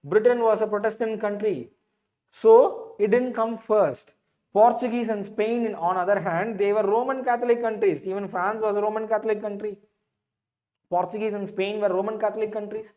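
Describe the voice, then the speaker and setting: A man's voice: sits high, fairly even intonation, moderate pace, mellow. A man with a Tamil accent teaching an exam class in a didactic way, repeating phrases and checking with questions. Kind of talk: live online lecture in English with some Tamil.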